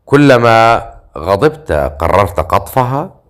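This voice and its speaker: A self-assured male hero in an audiobook fantasy tale, dry and sarcastic in every exchange, as a male narrator voices him. His voice is low and composed. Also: animated, fairly quick, close to an everyday voice. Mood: wry. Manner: sarcastic, dryly teasing.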